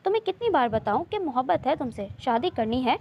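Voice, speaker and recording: Reading a romance novel briskly in a high, sing-song voice, a woman performs a teasing, affectionate young man pursuing his cousin with playful insistence. Her acting is heavy, the mood both teasing and tender, and the audio has its highs cut off.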